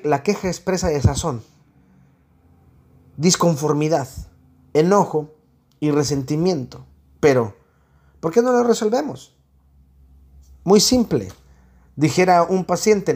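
A man's voice: fairly high pitch, animated, measured pace, pauses often, a little mellow. A man with a Mexican accent, a psychologist giving a blunt, sardonic spoken monologue.

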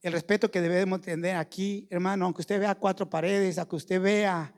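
A man's voice: sits high, fairly even intonation, moderate pace. A man preaching a sermon in a small church, earnestly addressing the congregation and repeating "brother" over and over. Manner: repeats "hermano" constantly, folksy and earnest.

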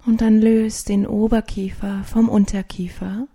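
A woman narrating a guided sleep meditation in a soft, hushed, soothing, partly whispered voice with long pauses, like a sleep story narrator. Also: mid-range voice, level tone. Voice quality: soft, breathy.

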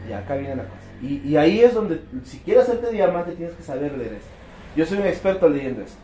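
A high, lively male voice, speaking to a crowd as a motivational speaker. He bounces between voices and acts out little exchanges. The sound is echoey, as if he is in an open hall. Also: faint music behind. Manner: animated, acts out quick dialogues. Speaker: network marketing speaker. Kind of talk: motivational talk to an audience.

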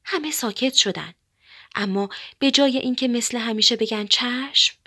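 A woman narrating a children's story in a gentle, expressive way. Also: a little high.

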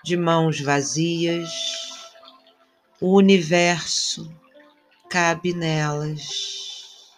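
Very slow, low-voiced woman guiding relaxation. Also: fairly even intonation, faint music behind. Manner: soothing, unhurried short phrases with long pauses. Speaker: guided relaxation instructor. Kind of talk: guided body-scan meditation.

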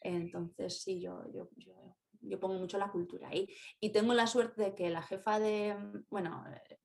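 A woman's voice: mid-range voice, fairly even intonation, moderate pace, creaky, a little mellow. A Spanish teacher from Spain, a woman with a Spain Spanish accent, talking in a casual, chatty conversation and often laughing.

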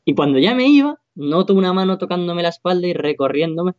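A young man, co-hosting a casual podcast and telling an anecdote in a relaxed way. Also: high-pitched, fairly quick, background noise. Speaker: podcast co-host. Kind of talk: casual chat. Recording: dull, dry, lo-fi sound.

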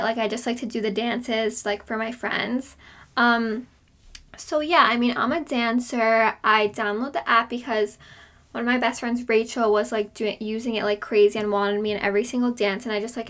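A woman's voice: fairly high pitch, sharp tone. A woman co-hosting a podcast in casual chat, gushing and emphatic with lots of "like", recorded inside a small hot closet. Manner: gushing, emphatic, heavy use of "like". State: overheated. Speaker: podcast co-host.

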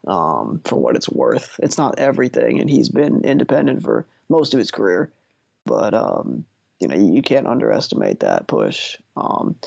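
A man's voice: sits low, huge pitch swings, normal speed, creaky, a little mellow, breathy edge, no room sound. Male co-host, casual chat, hesitant and wry, close and dry sound. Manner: rambling, hesitant, dryly sarcastic. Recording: dull lo-fi dry audio.

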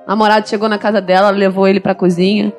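Lively woman telling a joke. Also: mid-range voice, fast talker, faint music behind. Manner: lively, laughing. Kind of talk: casual joke-telling chat.

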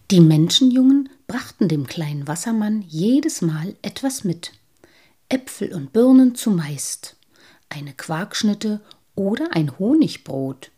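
A woman narrating a children's storybook with an expressive, measured reading. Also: mid-range voice. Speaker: audiobook narrator.

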